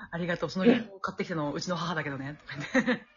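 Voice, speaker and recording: A woman's voice: lowish voice, highs cut off. Chatty laughing young woman radio host. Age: 20s. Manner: chatty, laughing storyteller, acts out relatives' voices. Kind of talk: casual radio chat.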